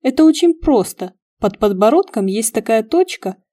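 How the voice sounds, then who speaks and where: A composed young man who explains things plainly and without fuss, as a woman reader puts him on. Her tone stays mellow and even for him, audiobook style. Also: fairly high pitch, moderate pace, voice pushed up. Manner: calm, matter-of-fact. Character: calm, handsome young man.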